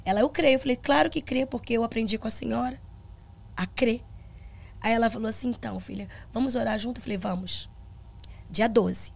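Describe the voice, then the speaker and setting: A middle-aged woman who is a gospel singer and pastor shares her personal testimony on a podcast. Her voice is fairly high, brisk, and gravelly, and she tells the story earnestly, acting out the dialogue.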